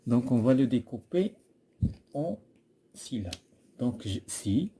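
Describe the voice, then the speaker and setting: A man's voice: mid-range voice, big pitch swings, slow, dark tone, slightly rough. A man with a Moroccan accent, teaching a poetry lesson and patiently repeating and correcting a pupil's answers.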